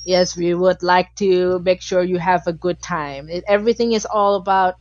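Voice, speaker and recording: Animated woman guest on a dull line. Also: fairly low pitch, moderate pace, dry recording. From Malaysia. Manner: animated, emphatic, frequent fillers. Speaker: podcast guest. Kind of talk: casual interview talk.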